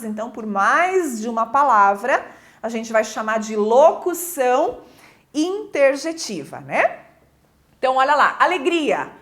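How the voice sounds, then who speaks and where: A woman teacher walks through a grammar lesson in a high, animated voice that rises and falls widely. She speaks slowly and explains each point step by step, often pausing to check in with her listeners. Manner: acts out interjections with varied intonation.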